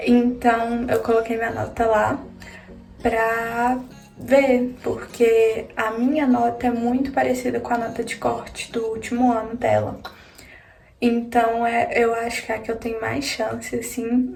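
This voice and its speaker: In this casual vlog chat, a young student vlogger addresses her viewers with frequent fillers. Her pitch is fairly high and her tone gravelly yet a little mellow. The recording has room echo and faint music.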